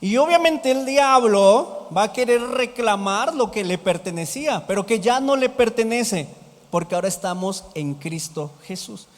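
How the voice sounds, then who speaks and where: A man's voice: high-pitched, lively intonation, normal speed. A man preaching a sermon as pastor, asking the congregation rhetorical questions. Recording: hall reverb.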